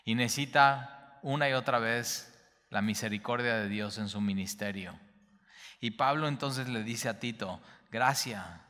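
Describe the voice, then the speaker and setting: A man's voice: mid-range voice, pushed and bright, in a large hall. A man teaching a Bible study as a pastor, repeating key phrases emphatically with small stumbles. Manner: repetitive, emphatic, slight stumbles.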